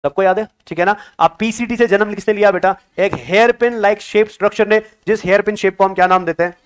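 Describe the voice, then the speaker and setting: High-pitched, coaxing male biology teacher. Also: steady tone, fairly quick, clean tone. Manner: coaxing, calls students "beta", keeps asking questions; mixes Hindi with English terms. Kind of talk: exam-prep lecture.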